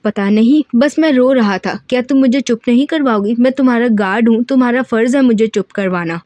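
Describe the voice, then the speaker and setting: A woman's voice: on the high side, fairly quick, dark tone, no room sound, studio quality, close to an everyday voice. A woman voicing a playful young male bodyguard who teases in a mock-childish way. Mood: teasing.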